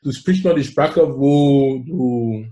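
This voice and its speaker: The highs are cut off in this recording of a man in his forties from Cameroon, who has a Cameroonian accent and a dark, medium-pitched voice at a slow pace. As a guest in a conversational interview, he sounds effusive and emphatic, with a habit of repeating phrases.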